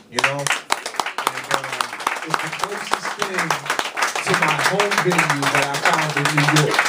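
Young male spoken word poet, high voice, punchy rhythmic delivery; echoey basement bar, faint room noise. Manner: rhythmic, emphatic delivery with big arm gestures. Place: small basement bar stage. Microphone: stand mic, far camera. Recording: roomy echo from far off.

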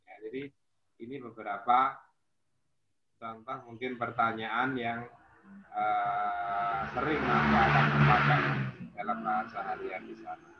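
Patient man teaching a language class. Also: mid-range voice. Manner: patient, explains slowly with many fillers. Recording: muffled roomy audio with faint noise.

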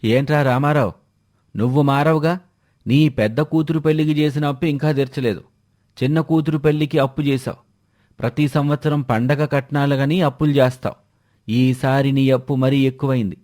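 A bullying village moneylender in a plain middle-pitched male voice, as the narrator plays him. He scolds and demands without letting up. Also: fairly even intonation, brisk, darkish tone, natural voice. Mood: harsh.

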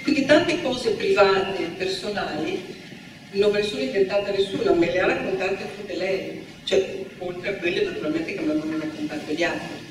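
A woman's voice: medium pitch, moderate pace. A woman author talking about her book at a presentation, rambling with many hesitations. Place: large event hall. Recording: echoey hall, distant mic, audible noise.

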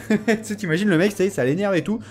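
A man giving casual, excitable commentary on his own game, teasing and mock-threatening his opponent, and saying he is tired. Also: sits high, quick pace. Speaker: gaming channel host.

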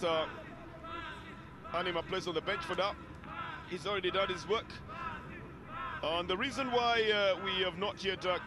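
A man with a Kenyan accent giving live football commentary in measured, descriptive phrases. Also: high-pitched.

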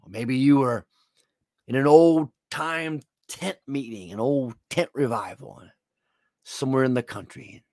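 Slow, earnest male TV preacher. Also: medium pitch, darkish tone, no room sound, studio quality. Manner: earnest preacher addressing the viewer directly. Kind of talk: televised sermon.

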